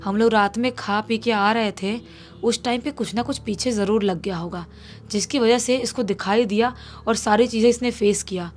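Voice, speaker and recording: A woman's voice: on the high side, fairly even intonation, moderate pace, faint music behind. A woman telling a horror story as a storyteller, building suspense as she narrates. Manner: suspenseful, rising with intensity.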